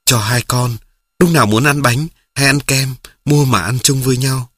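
A tender, worried poor mother speaks softly and slowly with a husky, breathy edge, voiced by a male reader of a storybook. Her words come gently, with sighs. The sound is close and dry, with no room around it. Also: mid-range voice, no echo.

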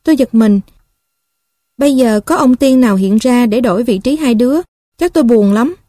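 A woman with a Southern Vietnamese accent reading a story aloud in a gentle, even storytelling manner. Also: on the high side, normal speed, no room sound, studio quality.

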